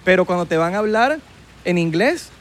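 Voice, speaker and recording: A man's voice: high voice, lively intonation, normal speed. A man in a casual podcast chat, joking and mixing English into his Spanish. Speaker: podcast co-host.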